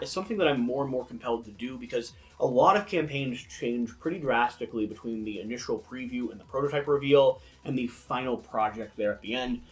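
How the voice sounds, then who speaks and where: A man hosting a casual board game review discussion, with a lisp that draws his s sounds out like a snake. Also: medium pitch. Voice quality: lisp with drawn-out, hissy snake-like s.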